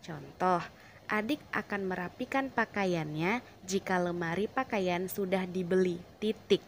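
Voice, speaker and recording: A woman teacher explaining a lesson in a deliberate way, stressing key words with rising emphasis. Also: fairly low pitch, a little hiss or hum.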